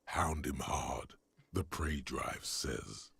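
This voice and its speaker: A man voicing a brooding game narrator who speaks in measured, grim second person. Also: a bit bright, heavily acted. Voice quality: deep, gravelly. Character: brooding gravelly adult male game narrator. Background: game music.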